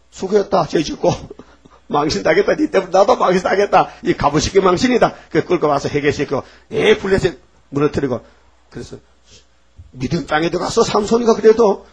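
A man's voice: on the high side, breathy edge. A middle-aged man with a Gyeongsang Korean accent, a pastor giving a folksy, joking, emphatic sermon at early morning prayer.

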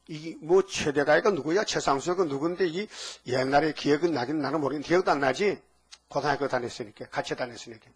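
A man's voice: fairly high pitch, a bit bright, slightly rough. An older man preaching a sermon, full of rhetorical questions. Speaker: pastor.

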